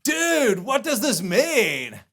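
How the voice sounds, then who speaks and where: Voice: mid-range voice, slow, vocal fry, full character voice. A performer voicing the young prophet Elisha as a slangy, laid-back surfer dude in a puppet skit. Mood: dazed. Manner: slangy, drawling, excitable outbursts.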